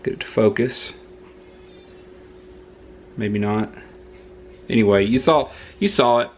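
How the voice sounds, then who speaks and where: A man's voice: lowish voice, takes it slowly, slight background noise. A man with a Southern US accent, chatting through a rambling, joking food review at home, talking into a camera mic.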